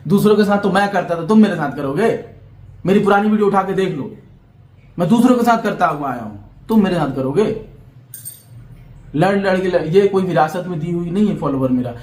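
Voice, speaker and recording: Brief: young vlogger, defiant and lecturing, voice sits a bit high, echoey room. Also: male voice, darkish tone. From Bihar, India. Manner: defiant and lecturing, keeps asking "understood?". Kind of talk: heated vlog monologue to camera.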